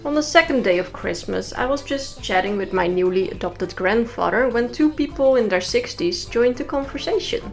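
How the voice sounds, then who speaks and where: A young woman with a fairly high voice tells comic stories with dry, sarcastic asides. She talks in a loose monologue while soft music plays in the background. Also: lively intonation, normal speed, creaky, few pauses. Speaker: comedic storyteller. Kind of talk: comedic storytime monologue. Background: faint music.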